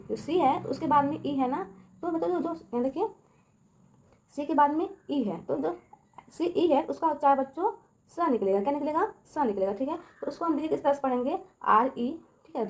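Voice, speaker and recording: A woman's voice: high voice, a little mellow. A woman teaching a beginner English lesson to children, constantly checking in with them and quizzing them on each letter. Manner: addresses kids repeatedly, checks with "ठीक है" and quiz questions. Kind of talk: Hindi classroom-style video lesson. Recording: echoey room.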